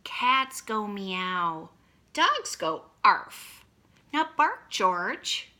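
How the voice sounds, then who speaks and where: Storybook read-aloud: a woman voicing an exasperated mother dog, slow and firmly coaxing, bright tone. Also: medium pitch, big pitch swings, heavily acted. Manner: firm, pleading, instructive.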